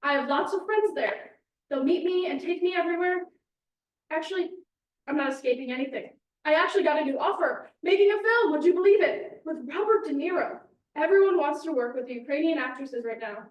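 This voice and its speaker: High-voiced woman reading a proud actress. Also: highs cut off. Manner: proud, boastful, edgy. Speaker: actor in a staged reading, playing an actress fleeing Kyiv. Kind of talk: stage play reading. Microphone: distant microphone. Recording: echoey room, distant mic, faint noise.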